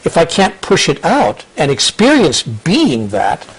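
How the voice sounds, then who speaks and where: Earnest older man, husky voice. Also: on the high side, measured pace, low-quality recording. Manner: earnest, repeats words and restarts, quotes others in lively asides. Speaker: interview guest, author. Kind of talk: reflective conversational storytelling.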